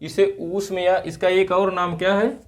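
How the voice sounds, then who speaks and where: A man teaching Hindi grammar for exam prep, asking questions and answering them himself in slow, drawn-out repetitions. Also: high voice, flat delivery.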